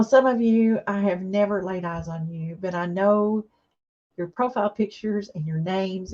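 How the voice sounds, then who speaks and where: A woman's voice: on the low side, lo-fi sound. A woman, teary and emotional, chatting with viewers and answering their comments during a craft live stream. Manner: warm, emotional, reads viewer comments aloud and answers them.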